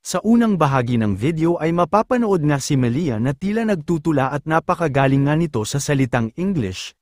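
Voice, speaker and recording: A man's voice: fairly high pitch, a little mellow, no room sound, clean studio sound. Man reading entertainment news voice-over. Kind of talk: scripted voice-over narration.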